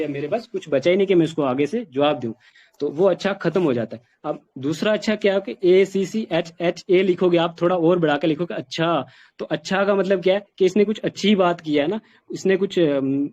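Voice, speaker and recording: A man's voice: on the high side, a little mellow, muffled recording. A man giving an informal spoken lesson on communication skills, talking conversationally with many fillers. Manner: conversational, repeats "ठीक" often, many fillers.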